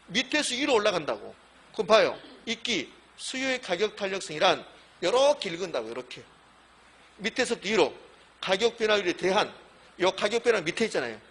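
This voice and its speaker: Animated high-pitched male lecturer. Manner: emphatic, repetitive, walks through board examples. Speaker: real estate exam lecturer. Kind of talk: classroom lecture. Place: classroom with a blackboard.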